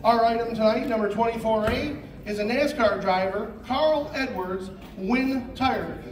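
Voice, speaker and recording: A male auctioneer announces and chants bids at a live sale. His pitch is extremely high for a man. He sounds far from the mic in an echoey hall, with a crowd clearly audible. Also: unhurried. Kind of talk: live auction calling with repetitive number chant. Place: large indoor hotel conference room. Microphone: audience phone camera, at a distance.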